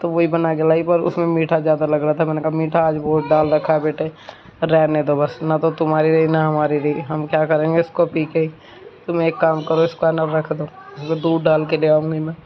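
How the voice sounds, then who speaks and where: The clip captures a village vlogger's casual home vlog chat and narration, recorded on a phone that sounds muffled and picks up clear background noise. She speaks briskly in a low-pitched voice with a completely flat delivery.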